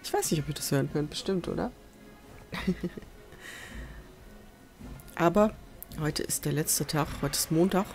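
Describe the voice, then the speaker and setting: A woman records casual let's play commentary at home on a USB desk microphone, chatting to viewers and muttering to the animals she tames. Her voice sits low with a darkish tone, moving at a measured pace with long pauses. Faint music plays behind her, and faint festival noise comes from outside.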